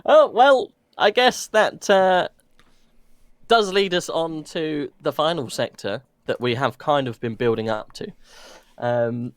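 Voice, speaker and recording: A man's voice: a little high, slow pace, clear, resonant tone, no room sound. A man co-hosting a casual racing podcast, jokey and playful, swearing now and then. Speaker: podcast co-host.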